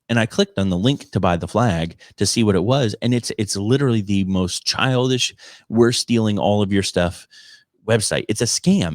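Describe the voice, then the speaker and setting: A man's voice: medium pitch, dry recording, studio quality. A man who works as a comedian, ranting casually in an exasperated, emphatic way and often repeating himself. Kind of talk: casual conversational rant.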